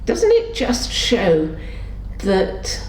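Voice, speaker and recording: An older woman tells her memories in an oral history interview, storytelling and voicing the people in them, acting out quotes with pitch shifts. Her voice is a little mellow with huge pitch swings, and she speaks very slowly. The sound is roomy, with faint background noise.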